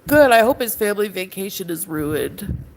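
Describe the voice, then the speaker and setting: Agitated woman with a creaky voice. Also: mid-range voice, animated, moderate pace, slight background noise, low-quality recording. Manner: agitated, arguing with someone offscreen and addressing the chat. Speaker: livestreamer. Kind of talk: emotional livestream rant.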